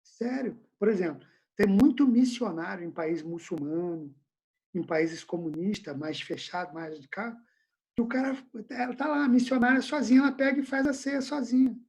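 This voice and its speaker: A man's voice: high-pitched, moderate pace, creaky, a little mellow. A male pastor leading an informal Bible study question-and-answer session over a video call from home, talking in a casual, slangy, conversational way.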